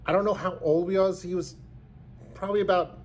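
Holding his phone camera close in a small room, a man in his fifties vlogs an earnest, rambling tribute with frequent restarts. He has a high, steady, somewhat mellow voice and speaks a little fast.

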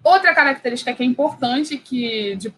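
Brazilian woman, academic lecture, slightly high voice, hesitant with restarts, faint background hiss. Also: lively intonation, fairly quick, a bit bright, low-quality recording. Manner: hesitant, many fillers and restarts. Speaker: biology researcher giving a lecture.

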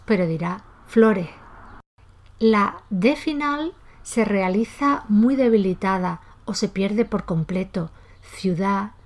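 A woman teaches a pronunciation lesson in a calm, methodical way. She says example words aloud to show the sounds, and she aspirates the final S in her own speech. Her voice sits at a middle pitch. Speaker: language teacher. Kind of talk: explanatory lesson.

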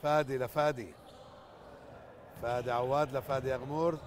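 A man's voice: mid-range voice, steady tone, moderate pace. A man with a Jordanian Arabic accent doing live basketball commentary from an indoor gym. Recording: noisy indoor sports hall. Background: clear gym noise, bouncing basketball.

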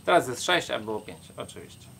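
A man's voice: mid-range voice, sing-song, a little fast, creaky, fairly bright tone, a little hiss or hum. A young man travel vlogger reading out viewer questions and explaining plainly in casual chat.

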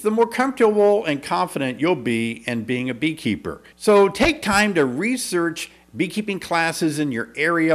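A beekeeping instructor in his fifties, with a slightly high voice, gives an upbeat, persuasive video lesson to camera. His teaching delivery is clear, and he speaks into a desk microphone in front of him in a small indoor studio.

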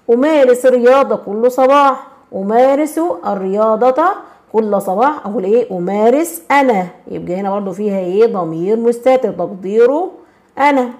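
Egyptian woman teacher, bright higher register, walks students through grammar with constant check-ins. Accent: Egyptian Arabic. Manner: checks in constantly and prompts with questions; slows and stresses words when reading examples. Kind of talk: explaining a grammar lesson.

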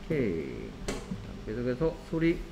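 A man with a Korean accent tutors a student in a one-on-one phonics drill. He prompts with short, brisk cues and stays patient. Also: mid-range voice, huge pitch swings, vocal fry, dark tone, slight background noise, rough recording.

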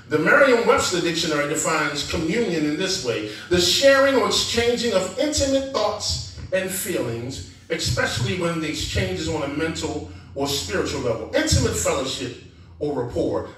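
Animated man preaching in an echoey church. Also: on the high side. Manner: animated call-and-response preaching. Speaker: guest preacher. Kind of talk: sermon. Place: church sanctuary. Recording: echoey church sound from a distance.

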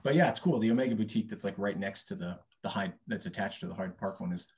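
A man in his thirties telling a casual anecdote on a video call, halting and reworking his phrases as he goes. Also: fairly low pitch, darkish tone. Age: 30s. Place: indoor room on a video call.

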